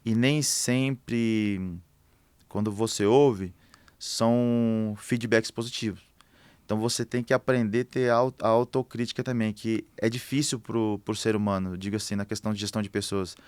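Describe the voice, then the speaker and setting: A man's voice: on the low side, steady tone, normal speed, a little mellow, smooth, dry recording. A man, a construction manager talking casually in a podcast interview, thinking aloud with many fillers and restarts.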